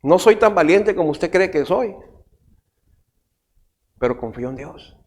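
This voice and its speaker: Animated pastor, high voice. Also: male voice, a little slow. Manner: animated preaching, with frequent rhetorical questions. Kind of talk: sermon.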